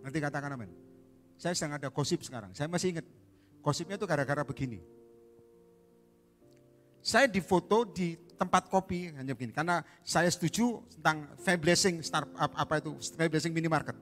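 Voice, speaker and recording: Animated preacher man bright voice. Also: fairly high pitch, a little fast, pauses often, soft background music. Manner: animated storytelling with sudden shouts. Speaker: evangelist preacher. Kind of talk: sermon.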